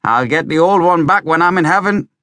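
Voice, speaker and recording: A man's voice: on the high side, animated, a little fast, bright, forceful tone, no room sound, voice pushed up. A man doing a hearty old bin man. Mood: jokey. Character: cheerful old bin man, wry and joking.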